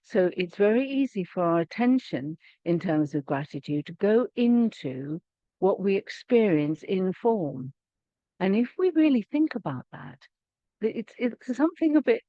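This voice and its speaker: A woman leading a meditation and talking about gratitude in a gentle, unhurried way, often restarting her phrases. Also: medium pitch, sing-song, no echo. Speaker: meditation teacher. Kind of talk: guided meditation and spiritual teaching. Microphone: video call. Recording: dull, dry video call audio.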